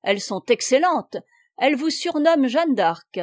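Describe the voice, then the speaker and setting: A cocky upstart officer, middle-aged and glib, speaks up loudly, as a woman puts him on. The voice rides slightly high over a dry, close recording, with an easy swagger. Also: animated, moderate pace, no echo. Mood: brash.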